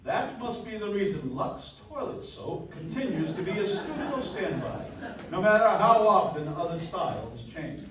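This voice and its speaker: Man playing a lively, high-pitched 1940s radio announcer. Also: normal speed, a crowd in the background. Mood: genial. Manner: formal, projected stage delivery. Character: polished, genial 1940s radio announcer and host. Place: live stage performance in a dance hall. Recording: echoey hall, distant mic, live stage.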